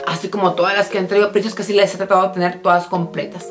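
A woman chats casually through a shopping haul, her voice mid-pitched. She sounds tired yet excitable and addresses her viewers directly. Faint music plays in the background. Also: fast talker. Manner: bubbly, excitable, talks straight to viewers. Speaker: vlogger showing a shopping haul. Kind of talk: casual chatty product show-and-tell.

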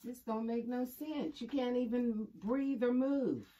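A middle-aged mother scolds her daughter bluntly at home. Her voice is fairly high but dark and mellow in tone. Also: steady tone, unhurried. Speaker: vlogger's mother.

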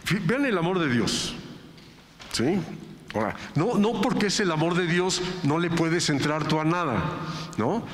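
A man's voice: fairly high pitch, animated, unhurried. A man preaching a sermon as pastor, talking in a conversational way and checking in with his listeners. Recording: echoey reverberant hall with faint ambience.

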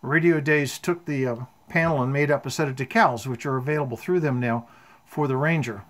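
In a home workshop, a man in his seventies who builds amateur radio gear shows off his homemade equipment in a casual, matter-of-fact way. His voice is medium in pitch and he talks fairly quickly.

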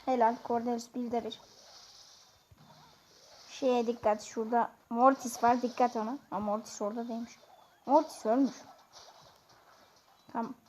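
A woman giving chatty, excitable commentary on her own gameplay, talking straight to her viewers. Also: fairly high pitch, normal speed, long pauses, a little hiss or hum. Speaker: gaming YouTuber. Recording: dull lo-fi sound.

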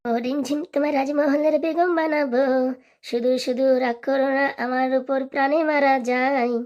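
A woman's voice: high voice, fairly even intonation, racing, lo-fi sound. A woman voicing an apologetic, stingy young husband in a cartoon, pleading and coaxing. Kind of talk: cartoon voice acting.

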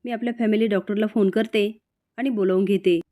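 A woman's voice: medium pitch, steady tone, brisk, mellow, close to an everyday voice. A woman voicing a caring middle-aged mother-in-law who fusses with concern. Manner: fussing, concerned.

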